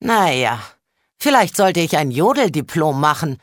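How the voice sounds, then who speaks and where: A woman playing a haughty, teasing high elf in a comic video game, mocking and wry. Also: sing-song, unhurried, no echo, studio quality. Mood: wry musing.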